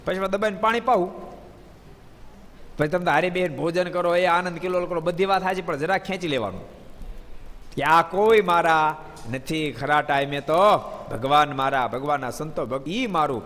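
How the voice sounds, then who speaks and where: Male preacher, fairly high voice, animated sermon delivery, recorded in a reverberant hall. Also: moderate pace. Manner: animated, addresses listeners by name, rising emphatic bursts. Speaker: swami preacher. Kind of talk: devotional sermon with storytelling.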